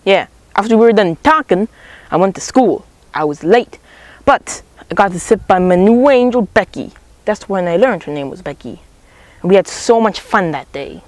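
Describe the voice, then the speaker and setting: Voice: medium pitch, expressive, moderate pace, dry recording, lightly acted, low-quality recording. A student voicing Tom Sawyer, a bold boy retelling his adventures in a school character play. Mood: proud.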